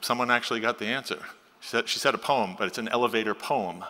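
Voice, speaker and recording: A man's voice: mid-range voice, fast talker, sharp tone, big-room sound, a little hiss or hum. A man in his sixties giving a conversational conference keynote from a podium on a large auditorium stage, speaking into a podium mic on a stand.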